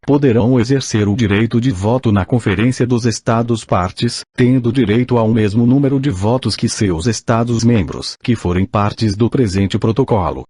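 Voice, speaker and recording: A synthesized male voice, like an old speech synthesizer, reading a formal audiobook in a mechanical, stilted and measured way. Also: medium pitch, a little mellow, breathy edge, no echo, clean studio sound.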